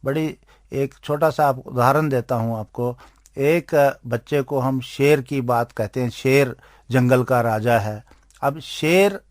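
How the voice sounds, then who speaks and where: A man with an Indian accent answers interview questions as an expert on aids for blind people, explaining things in deliberate, halting phrases. His mid-range voice is recorded in a clean studio with no room sound.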